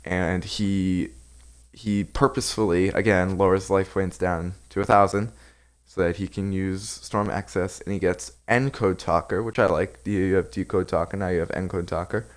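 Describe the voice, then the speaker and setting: A man's voice: deep voice, steady tone, moderate pace. A man recapping anime episodes in a casual, rambling way, with lots of fillers and restarts. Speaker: anime reviewer.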